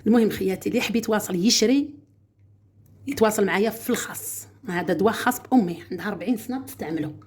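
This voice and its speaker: Fast-talking husky Algerian woman. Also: medium pitch, darkish tone. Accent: Algerian Arabic. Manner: chatty, repeats "my sisters" to viewers. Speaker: home remedy cook. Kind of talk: casual how-to demonstration.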